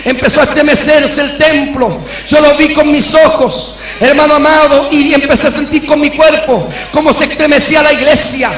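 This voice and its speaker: Male pastor, shouted preached testimony, very high flat voice, echoey room. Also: moderate pace. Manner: shouting, fervent preaching cadence; repeats "hermano querido" between phrases. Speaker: pastor and bishop.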